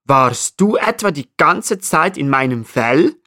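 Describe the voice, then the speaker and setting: A man's voice: a little high, expressive, takes it slowly, pushed and bright, pitched above the performer's own voice, heavily acted. A man doing Eddie, an itchy marmot. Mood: annoyed. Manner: annoyed, then eager. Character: itchy grumpy male marmot. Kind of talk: storybook voice.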